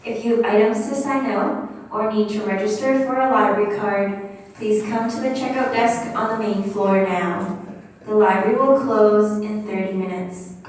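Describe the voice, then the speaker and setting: Woman on a library PA system, over loudspeakers, formal and even, distant and echoing, faint hiss. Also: medium pitch. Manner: polite, measured, even delivery. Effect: heard over public address loudspeakers. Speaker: library announcer. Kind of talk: formal closing announcement. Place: library, heard from the reading room. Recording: very echoey, distant, faint noise.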